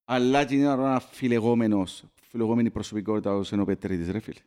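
A man's voice: on the low side, steady tone, warm tone, clear, resonant tone. A man with a Cypriot Greek accent offering his view in a casual football discussion. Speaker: football fan podcast panelist.

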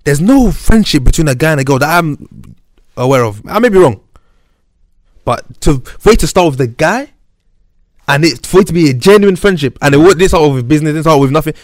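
A man's voice: fairly high pitch, animated, fairly quick, no room sound, clean studio sound. A young man with a London roadman accent, chiming in and arguing his point in slangy casual conversation. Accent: London, urban roadman slang. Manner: slangy, interjecting. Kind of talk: casual group discussion.

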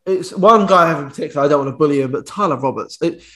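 A man's voice: on the high side, rapid-fire, a bit bright. A man co-hosting a football podcast, opinionated and teasing in casual chat. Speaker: podcast co-host.

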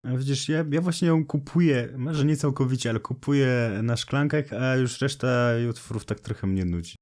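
A young man co-hosting a casual podcast, joking and teasing in a deadpan way. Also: mid-range voice, normal speed. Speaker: podcast co-host.

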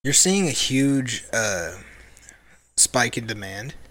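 Young man chatting loosely on a podcast. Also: mid-range voice. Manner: relaxed, halting, many fillers and restarts. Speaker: podcast co-host. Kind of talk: casual chat.

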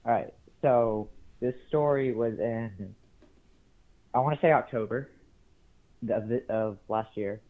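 A man's voice: mid-range voice, takes it slowly, long pauses. Nervous young man on a tinny phone line. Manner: hesitant, many ums, nervous laughs. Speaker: caller. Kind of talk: telling a story on a call.

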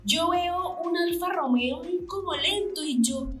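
A woman's voice: very high-pitched, measured pace, fairly bright tone, reverberant, faint music behind. A woman co-hosting a podcast, chatting casually about a race and acting out her own reactions with gasps and whispers. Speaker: podcast co-host. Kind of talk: casual chat recapping a race.

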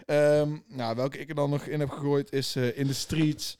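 A man's voice: on the high side, little pitch movement, normal speed, a little mellow, clear, resonant tone. A young man co-hosting a podcast, talking in a laid-back, slangy way with lots of fillers. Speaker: podcast co-host. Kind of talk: casual chat.

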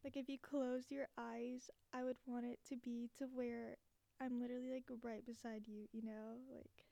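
A nineteen-year-old woman chatting casually and unscripted as a podcast host, giggly and self-deprecating, a little breathy, talking from under a blanket. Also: on the high side, level tone, moderate pace, warm tone, no echo. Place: small dorm room, under a blanket. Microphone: cheap basic recording gear, close up.

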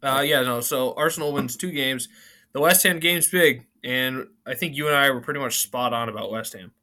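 A man co-hosting a sports podcast in casual banter, excitable and teasing, with slightly slurred, numb-mouthed speech. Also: medium pitch, normal speed.

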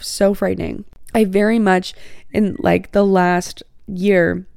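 A woman's voice: medium pitch, creaky, mellow, no echo, clean studio sound. A woman in her twenties hosting a solo podcast, chatty and frank, with many "like" fillers. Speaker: podcast host. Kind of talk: casual solo podcast advice.

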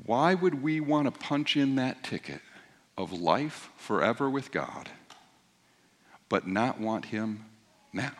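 A man's voice: mid-range voice, sing-song, takes it slowly, long pauses. A man preaching a sermon in a church as pastor, explaining in a conversational teaching manner that builds to emphatic points.

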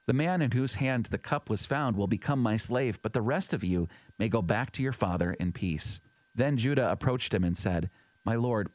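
A man reading scripture aloud in a measured, even way, giving quoted speech in his plain voice. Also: on the low side, no room sound. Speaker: scripture reader. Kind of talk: steady scripted Bible reading.

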